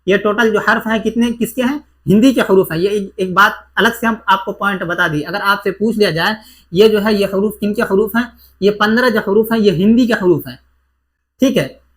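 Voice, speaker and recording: A man's voice: high voice, bright, forceful tone. A man teaching an exam-prep grammar lesson, who repeats each point and asks and answers his own questions.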